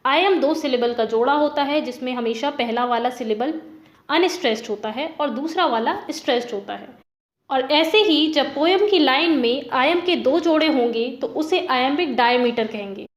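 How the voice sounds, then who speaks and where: A woman's voice: high-pitched, reverberant. A woman teaching a lesson, explaining step by step in a patient way. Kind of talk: Hindi lesson explaining poetic meter.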